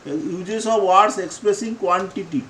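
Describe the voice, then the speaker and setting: A man with a fairly high voice teaches a spoken English lesson at a slow, deliberate pace. Bengali is his first language, and he repeats each phrase so his learners can follow. A faint hum sits behind the recording. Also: fairly bright tone, reverberant, poor audio.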